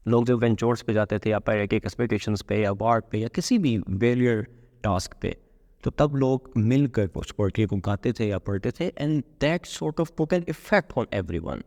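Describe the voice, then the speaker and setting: A man with a Pakistani accent teaching literature, switching between Hindi-Urdu and English and alternating quick runs with slow, stressed phrases. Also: lowish voice, a little mellow, long reverb tail. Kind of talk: lecture.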